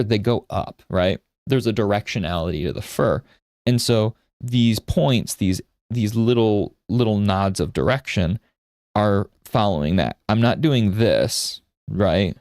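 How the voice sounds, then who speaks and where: Thirties male art instructor, casual and chatty, lowish voice, dry booth-like sound. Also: darkish tone, dry recording. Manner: rambling storyteller, checks in with "right?". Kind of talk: casual teaching while drawing live.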